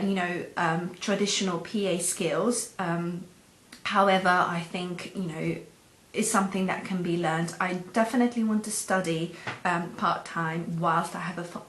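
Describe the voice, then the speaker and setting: Recorded in an echoey space with a soft hum underneath, a job seeker from Hungary presents herself to potential employers. Hungarian is her first language, and her lowish, fairly bright voice comes out hesitantly, full of ums and uhs.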